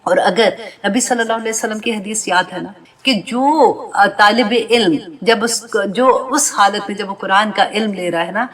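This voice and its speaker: A woman's voice: medium pitch, hardly any pauses, fairly bright tone. A woman with a mid-range voice teaches a scripture class. She moves through verses phrase by phrase, translating each one before explaining it with earnest, direct appeals to her students. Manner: addresses listeners directly, often adding tag questions. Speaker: Quran teacher. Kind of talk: Quran commentary lesson to a class.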